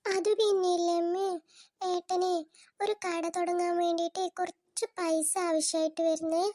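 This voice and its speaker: Performer doing a teary young cartoon daughter, slow pleading, very high voice. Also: level tone, warm tone. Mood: tearful. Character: young married daughter, tearful and worried. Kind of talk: cartoon voice acting.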